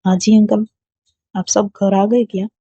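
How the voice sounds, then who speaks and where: A woman's voice: medium pitch, flat delivery, measured pace, dark tone, husky, dry recording. A woman reading a storybook voicing a polite, reassuring young woman friend speaking on the phone. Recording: dull lo-fi dry recording.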